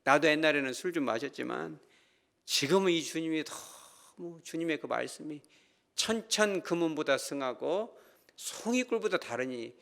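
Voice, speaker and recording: Man, pastor, middle-aged, sermon, animated, swooping pitch, quizzes congregation. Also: moderate pace, gravelly. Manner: animated storytelling, acts out quoted characters; asks the congregation questions.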